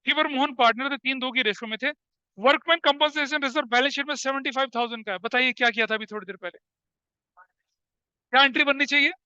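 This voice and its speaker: A man's voice: extremely high pitch, fast, pushed and bright, smooth, no echo, muffled recording. A man in his forties teaching an accountancy class. He keeps questioning his students, repeats his points, and calls them "beta". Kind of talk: classroom lecture mixing Hindi and English.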